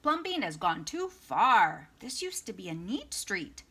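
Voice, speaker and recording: A woman's voice: medium pitch, very animated, measured pace, pushed and bright, breathy edge, exaggerated voice. A woman voicing fussy, scandalized gossiping neighbors from a storybook, exaggerated and disapproving. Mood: indignant.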